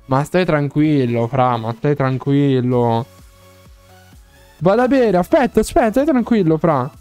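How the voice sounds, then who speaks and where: Guy streaming a game live, talks fast and excited, keeps laughing and begging chat to stop, smooth high voice. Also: soft background music. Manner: excitable, playfully pleading, laughs often.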